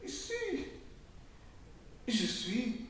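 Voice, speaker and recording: A man's voice: extremely slow, a bit bright, exaggerated voice. A man reading aloud as a defiant, bitter young woman narrator, with insistent rhetorical repetition. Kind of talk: literary reading. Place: public reading in a literary venue. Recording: very echoey room, voice from far off, faint rumble.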